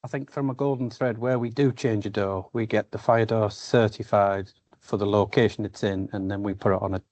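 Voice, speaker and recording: A man's voice: on the low side, fairly even intonation, brisk, darkish tone, dry recording. A man talking bluntly and informally in a meeting held over a video call. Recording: slightly dull video call audio.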